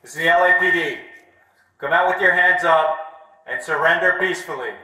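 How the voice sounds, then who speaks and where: A man's voice: fairly high pitch, brisk, distant mic, background noise. Male police officer through a megaphone. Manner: firm, repeated commands. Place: outdoors outside an apartment building. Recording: echoey megaphone heard from afar.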